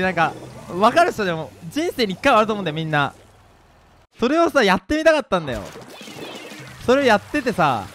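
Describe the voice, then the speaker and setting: Animated, high-voiced young man rambling. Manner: rambling, animated, self-mocking anecdotes. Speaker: pro gamer and video creator. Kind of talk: casual storytelling while playing a game. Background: faint game music.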